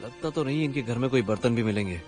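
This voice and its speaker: Dub: male actor as a stern grim reaper, animated pitch, low and grave, faint score. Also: fast, faint music behind, lightly acted. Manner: stern, goes low and quiet, then shouts. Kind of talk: Hindi dub of a drama series.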